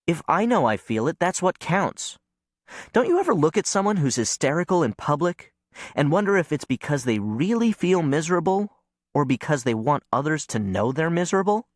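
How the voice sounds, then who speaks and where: A man voicing a blunt, literal-minded teenage boy who speaks in a flat, matter-of-fact way. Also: on the high side, dry recording, clean studio sound, pitched above the performer's own voice.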